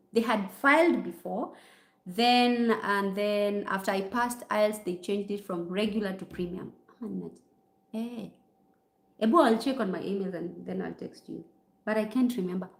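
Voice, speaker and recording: A woman's voice: mid-range voice, moderate pace, vocal fry. A Kenyan woman, a nurse, chatting on a livestream and answering viewer comments, slipping in Swahili phrases. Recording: roomy echo.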